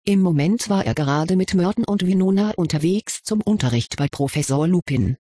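A narrator reading a fantasy story aloud in a steady, even storytelling manner. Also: mid-range voice, moderate pace, breathy edge. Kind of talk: audiobook reading of fan fiction.

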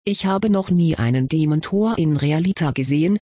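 A reserved teenage wizard boy, as a reader puts him on, gives short, careful answers in an audiobook. The voice is husky and slightly breathy. The sound is close and dry. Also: mid-range voice, lively intonation, moderate pace, warm tone, no echo. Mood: guarded. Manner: curt, cautious answers. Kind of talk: audiobook character reading.

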